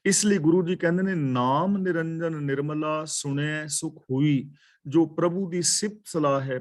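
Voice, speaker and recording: Punjabi-speaking Sikh preacher, slow chanted verses. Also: male voice, fairly high pitch. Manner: chants verses slowly, then explains them in quick phrases; repeats key phrases for emphasis. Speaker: Sikh preacher giving scripture commentary. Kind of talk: katha scripture explanation.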